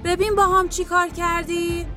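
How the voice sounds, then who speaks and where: A woman's voice: very high-pitched, level tone, music in the background. A woman acting a firm, weary nurse in an audio drama, coaxing and then insisting with a difficult patient. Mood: insistent. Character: firm, weary female nurse in a psychiatric ward. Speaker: guest voice actor.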